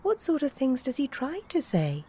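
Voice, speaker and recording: A woman doing a bright, curious little girl. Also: high voice, wildly swooping pitch, moderate pace, husky, voice pushed up, heavily acted. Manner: chatty and eager. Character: curious, lively young English girl.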